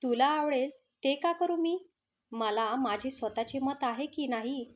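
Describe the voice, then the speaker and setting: A woman's voice: sits high, unhurried. A woman voicing a spirited, outspoken young female student. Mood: lively.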